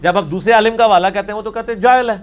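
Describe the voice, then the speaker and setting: Man, high voice, argumentative scholar answering questions in a talk. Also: steady tone, smooth. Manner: emphatic, argumentative, quotes others in put-on voices. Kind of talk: seated Q&A discussion.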